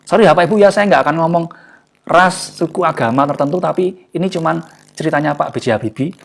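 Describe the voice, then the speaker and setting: A man giving a casual, jokey motivational talk to a live online audience, often pausing for words. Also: fairly high pitch, gravelly. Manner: chatty and jokey, often searching for words with fillers. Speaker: online class speaker.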